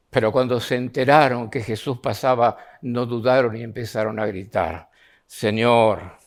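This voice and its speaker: A man with an Argentine Spanish accent preaching an earnest sermon in a church, reading scripture aloud with a rising, pleading tone. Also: medium pitch.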